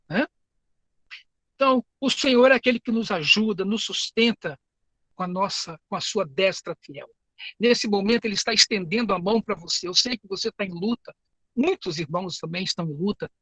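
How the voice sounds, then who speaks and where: Um homem com sotaque brasileiro que prega um sermão sincero, conta histórias e repete palavras e frases. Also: male voice, high voice, a bit bright, no room sound, rough recording. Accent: Brazilian Portuguese. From Brazil. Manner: earnest, storytelling, repeats words and phrases. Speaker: preacher and teacher. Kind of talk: sermon.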